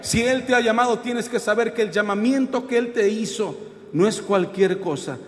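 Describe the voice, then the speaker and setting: A man's voice: high voice, normal speed, in a large hall. A man preaching a sermon in a church, calling out questions to the congregation. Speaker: pastor. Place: church hall.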